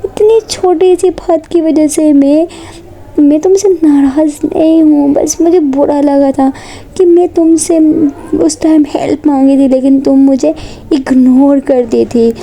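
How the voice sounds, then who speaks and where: A woman voicing a protective young college woman who hushes and reassures her crying friend, in a story reading. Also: on the high side, flat delivery, normal speed, slight background noise, lightly acted. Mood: firm. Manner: firm, scolding, reassuring.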